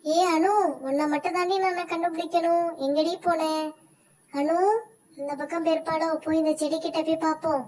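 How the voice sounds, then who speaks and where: Brief: bossy seeker doll girl, played by a woman, very high-pitched, calls out and teases the hiders in a toy play story. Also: little pitch movement, normal speed, darkish tone. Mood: calling, searching. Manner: calling out, teasing.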